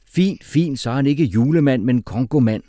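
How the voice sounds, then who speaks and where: A man voicing an exasperated male schoolteacher who shouts and gets flustered. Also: medium pitch, expressive, no room sound, clean studio sound, voice pushed up, close to an everyday voice.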